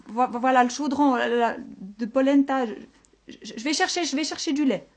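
A woman's voice: high voice, moderate pace, voice pushed up. A woman voicing a frightened male mountain shepherd who stammers in a trembling voice in a told folk tale. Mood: frightened, stammering.

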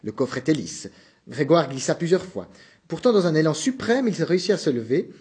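Male audiobook narrator, husky tone, lively pitch. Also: a little fast. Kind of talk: audiobook reading of a novel.

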